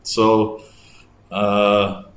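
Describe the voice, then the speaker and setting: A man's voice: on the low side, little pitch movement, extremely slow, reverberant, slight background noise. A man from England with an English accent, hosting a casual explainer video and thinking aloud as he explains. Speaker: host, English teacher.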